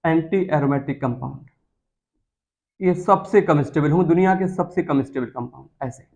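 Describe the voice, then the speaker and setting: A man's voice: a little high, moderate pace, vocal fry, a little mellow, highs cut off. Coaxing man teaching chemistry. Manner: coaxing, repeats key terms, asks students questions. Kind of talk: classroom lecture.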